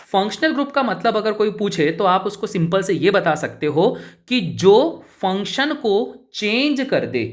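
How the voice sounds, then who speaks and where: A man's voice: high-pitched, fairly bright tone. A man teaching chemistry in a casual, chatty way, asking his students questions and answering them himself. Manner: informal, keeps addressing listeners as brother and buddy. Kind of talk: casual spoken lesson.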